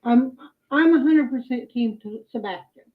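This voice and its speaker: A woman giving her opinion casually in a halting, emphatic way, heard through muffled playback. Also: a little high.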